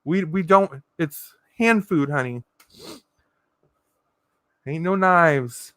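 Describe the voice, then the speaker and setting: A woman's voice: low voice, drawn-out words, a bit bright, no echo, studio quality. A woman vlogger telling stories to the camera in a sassy, dramatic way, laughing often. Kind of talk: chatty storytelling monologue.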